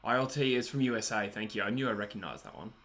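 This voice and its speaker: Chatty Australian man, bright voice. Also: lowish voice, quick pace. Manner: chatty, rambling, self-deprecating. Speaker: livestream host reading chat. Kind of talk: casual live chat over a cricket match.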